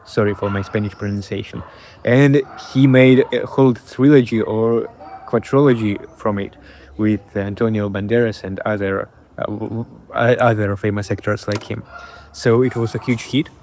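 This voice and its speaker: Belarusian accented guy vlogging, lowish voice, thoughtful, kinda halting and repeats himself looking for words. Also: steady tone, darkish tone. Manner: halting and reflective, repeats phrases while searching for words. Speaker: video creator and host. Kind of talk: casual talk to camera.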